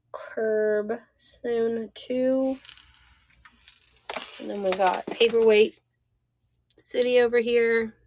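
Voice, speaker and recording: A woman with a crackly, hoarse voice chatting informally as she hosts a casual live sale, often repeating her phrases. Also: medium pitch, no echo. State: hoarse, with inflamed vocal cords and throat clearing. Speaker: live-sale host selling vintage glassware. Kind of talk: casual live selling chat to viewers.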